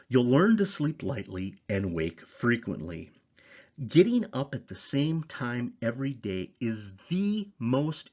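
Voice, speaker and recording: A man reading scripted educational material in a measured, didactic way, stressing key points like a presenter. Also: mid-range voice, highs cut off. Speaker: presenter of a sleep education series. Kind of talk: scripted instructional narration.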